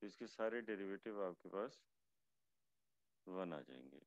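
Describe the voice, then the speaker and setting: A male lecturer with a hoarse voice, teaching a math class online slowly and haltingly, with many fillers. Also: sits low, animated, no echo, highs cut off. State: hoarse, fasting.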